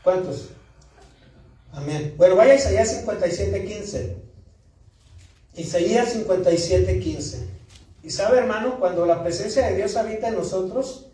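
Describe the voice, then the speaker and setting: Un predicador mexicano, hombre de voz aguda, habla en tono de sermón y pregunta "¿verdad?" a sus oyentes. Se le oye lejano en una iglesia con fuerte reverberación. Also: male voice, sits high, unhurried, long pauses, dark tone. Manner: storytelling, asks the congregation for agreement. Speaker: pastor. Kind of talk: sermon. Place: church. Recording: echoey church hall, distant mic.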